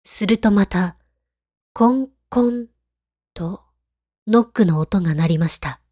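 Woman reading scary stories, hushed n creepy, soft dark voice, really dry recording. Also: on the low side, unhurried, dry recording. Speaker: ghost story narrator. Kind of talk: scripted horror story narration.

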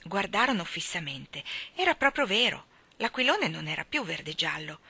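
Expressive woman reading a storybook. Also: fairly low pitch, normal speed, gravelly, slightly rough, no echo. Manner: expressive, hushed in quiet passages. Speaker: narrator. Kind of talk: audiobook reading.

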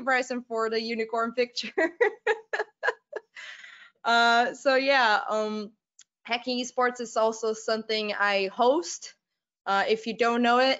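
A young Brazilian woman with a Brazilian Portuguese accent gives a casual conference talk over a video call from a room at home. Her fairly high, slightly bright voice has a clean tone with the highs cut off. She speaks haltingly, with many fillers and restarts, and laughs often.

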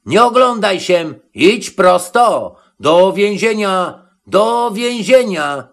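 A man's voice: high-pitched, animated, slow pace, fairly bright tone, pitched above the performer's own voice, exaggerated voice. A man voicing a stern male watchman in a storybook reading, barking orders.

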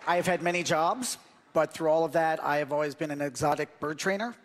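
A man's voice: a little high, steady tone, fairly quick, big-room sound. A middle-aged man performing stage comedy as a hesitant, mock-earnest animal trainer. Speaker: ventriloquist posing as bird trainer. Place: large theater stage. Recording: loud audience noise in theater.

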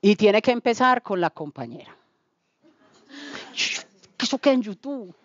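A woman's voice: mid-range voice, sing-song, normal speed, no room sound, dull audio. A woman with a Colombian accent giving a spoken testimony to a church group, telling her story with relish and acting out the dialogue. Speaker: testimony speaker.

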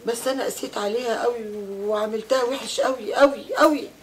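A woman's voice: fairly high pitch, steady tone, a little fast, slight background noise, natural voice. An actress with an Egyptian accent playing a worried middle-aged mother who comforts her daughter in a TV drama. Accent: Egyptian Arabic. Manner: anxious, comforting. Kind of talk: TV drama acting. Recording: music score underneath.

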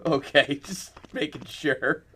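A man's voice: a little high, slow pace, a bit bright, breathy edge. A man riffing sardonically on a video game, swearing often and laughing at the story. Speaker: riffing commentator. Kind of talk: comedic let's-play riffing. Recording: voice over game audio with music.

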